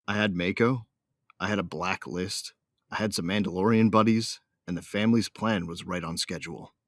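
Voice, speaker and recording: In a natural, low voice with fairly even intonation, a man narrates a first-person dramatised audiobook as a cocky, hot-tempered bounty hunter, telling his own story in a brash, colloquial, hard-boiled style. He sounds smug and easygoing at a normal speed. The studio-quality recording has no room sound.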